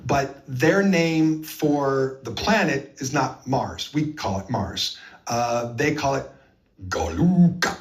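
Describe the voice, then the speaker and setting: A man's voice: medium pitch, slow. An earnest man recounts his experiences as an interview guest, leaning hard on key points between frequent ums. His voice sits in a mid range and sounds a little distant from the microphone. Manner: earnest, emphatic, with many fillers.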